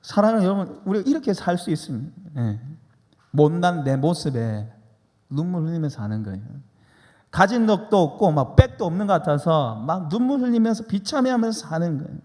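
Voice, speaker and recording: A man's voice: a little high, very animated, brisk, a little mellow. A man preaching a sermon as pastor, emphatic and leading the congregation in repeating lines. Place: church sanctuary. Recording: long church reverb.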